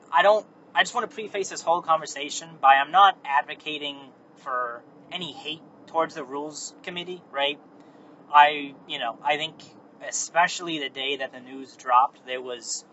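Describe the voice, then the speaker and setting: Recorded on a phone while he drives, a male host offers a casual, unscripted monologue that meanders and self-corrects. He has a fairly high voice with a sharp tone. The in-car recording is muffled, with faint road noise.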